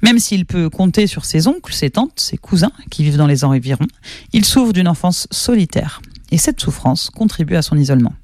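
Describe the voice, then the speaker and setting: A man's voice: fairly high pitch, sing-song, normal speed, a little mellow, no room sound. A man presenting a radio programme in scripted narration.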